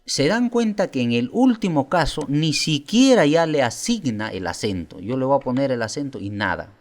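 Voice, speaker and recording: A man presenting a software tutorial, explaining step by step and asking viewers rhetorical questions. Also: mid-range voice, expressive, normal speed. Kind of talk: screen-recorded software tutorial.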